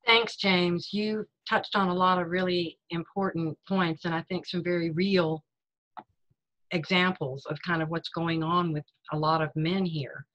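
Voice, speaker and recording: A woman moderating a video-call panel, thanking a speaker politely with soft fillers. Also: on the low side, fairly even intonation, unhurried. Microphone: webcam mic on video call. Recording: dull lo-fi video-call audio.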